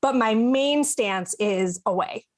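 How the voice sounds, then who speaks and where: Fairly high-voiced woman panelist. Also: slow. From Chicago, USA. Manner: thoughtful, searches for words mid-sentence. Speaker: podcast panelist. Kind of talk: casual reflective discussion.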